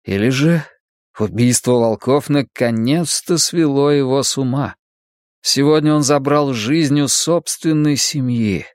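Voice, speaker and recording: A man's voice: mid-range voice, measured pace, darkish tone, no room sound, studio quality, natural voice. A man voicing a proud, angry young soldier held prisoner, speaking with a growling, indignant, raised voice. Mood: dazed, grim.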